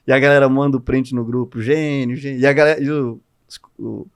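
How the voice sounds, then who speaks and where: Animated Brazilian man telling stories. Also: medium pitch, fast talker, vocal fry, clear, resonant tone. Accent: Brazilian Portuguese. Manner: animated, expressive storyteller. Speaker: guest entrepreneur. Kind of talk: casual podcast conversation.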